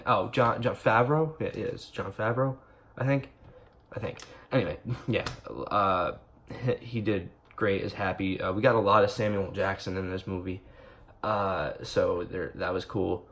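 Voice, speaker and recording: His voice sits low and his pace is measured as this young man reviews a movie to camera, casual and rambling. He gets excited, swears often and uses lots of fillers. Slight background noise is audible.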